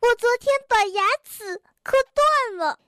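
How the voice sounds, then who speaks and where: A timid young male storybook animal with a broken tooth, as a woman reads him aloud. He sounds anxious and close to tears, his voice very high. The recording is dry and close. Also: unhurried, dry recording, exaggerated voice. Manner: anxious, tearful, then excited. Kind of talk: children's storybook reading.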